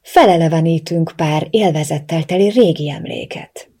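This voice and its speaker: A woman's voice: low-pitched, dark tone, husky. A woman reading the lines of a controlling, violent ex-lover in an audiobook, in a commanding, threatening manner. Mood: menacing.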